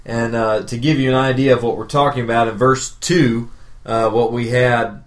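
A man co-hosting a podcast, talking through a Bible passage in a relaxed, wry way with plenty of fillers. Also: mid-range voice, moderate pace. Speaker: podcast co-host. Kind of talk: casual Bible study chat.

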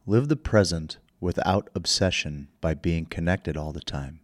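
A man leading a guided meditation in slow, soothing instructions, speaking into a close microphone. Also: sits low, no room sound.

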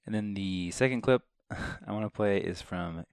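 Deep-voiced male podcast co-host, easygoing, halting delivery. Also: clear, resonant tone. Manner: relaxed, hesitant with frequent "uh"s. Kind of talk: casual podcast chat.

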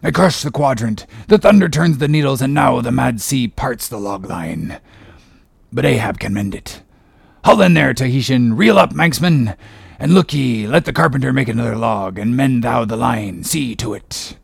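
A man's voice: medium pitch, expressive, normal speed, no echo, clean studio sound, heavily acted. A man playing a grandiose, brooding, tormented whaling captain in a dramatic audiobook, with archaic, commanding speech. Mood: defiant, commanding. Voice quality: gravelly, husky. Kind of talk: dramatic audiobook character reading.

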